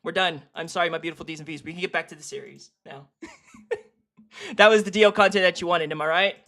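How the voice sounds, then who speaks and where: Ranking a video series, this streamer offers loose, foul-mouthed reaction commentary at a medium pitch. The mood is excitable, and laughter comes quickly.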